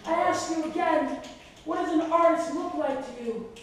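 A woman's voice: very high voice, moderate pace. A woman with a Canadian accent performing spoken word poetry at a slam, with a rhythmic, emphatic delivery that surges in intensity. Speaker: slam poet. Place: art gallery with seated audience, indoors. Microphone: far camera at the back of the room. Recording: echoey gallery from far off.

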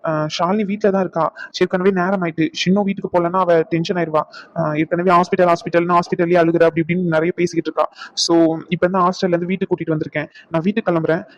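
A man voicing a young hospital worker in a cartoon; he talks in a brisk, bossy way and mixes in English words. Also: high-pitched, little pitch movement, no room sound, dull audio, natural voice. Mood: polite. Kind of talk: cartoon voice acting.

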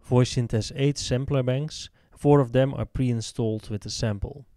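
Slow, calm man explaining an app. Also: mid-range voice, big-room sound. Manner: calm explanatory delivery with occasional fillers. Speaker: app tutorial presenter. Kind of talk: software tutorial narration.

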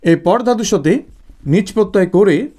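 A man from West Bengal teaching a Sanskrit grammar lesson for exams. He explains patiently and repeats points, with many "ah" fillers, and slows down to spell out example sentences. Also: high voice, animated, warm tone. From West Bengal, India. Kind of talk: exam-prep grammar lesson.

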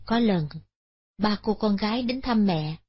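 Husky woman narrating a moral story. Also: medium pitch, animated, a little slow. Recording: dull lo-fi recording.

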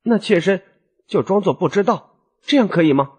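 A man's voice: sits high, expressive, normal speed, darkish tone, breathy edge, voice pushed up. A man voicing a young noble wife who rules the household, scolding sharply in a raised voice. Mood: timid.

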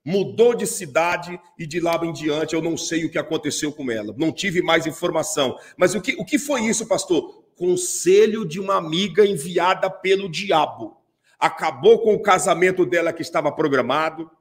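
A man's voice: fairly high pitch, normal speed. A middle-aged man with a Brazilian accent, preaching a sermon and telling a story with emphatic repetition. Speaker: pastor.

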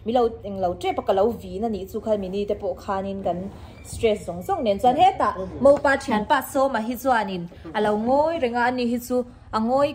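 A young woman chats casually to the camera about her wedding, rambling and laughing often as she goes. Her voice sits a little high. Faint background noise runs underneath her. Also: darkish tone. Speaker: vlogger, half of a married couple. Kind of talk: casual chat.

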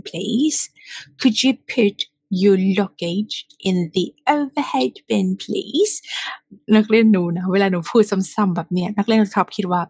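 A woman's voice: medium pitch, darkish tone, husky, no room sound. A woman teaching English pronunciation, repeating phrases over and over, often half-whispered, and teasing her students directly.

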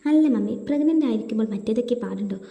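A woman's voice: on the high side, expressive, racing, gravelly, dull audio. A woman doing a blunt young wife. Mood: dismissive. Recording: roomy, with long reverb.

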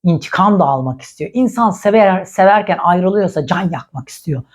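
A woman's voice: on the low side, lively intonation, brisk, darkish tone. A woman commenting on celebrity gossip in a blunt, indignant, scolding way.

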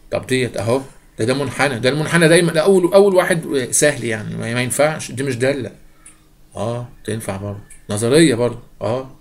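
A man with an Egyptian Arabic accent teaching a math lesson, playful, asking questions and answering them himself. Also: mid-range voice. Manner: rapid, playful, asks and answers his own questions.

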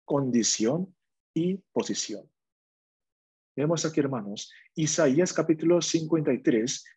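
A man preaching a sermon in a church, reading Bible verses slowly and deliberately. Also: on the high side, darkish tone, slightly rough. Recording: dull, lo-fi dry recording.

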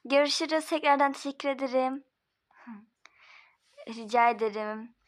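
A woman's voice: high-pitched, normal speed. A woman voicing a chatty, casual home-made doll role-play with several characters.

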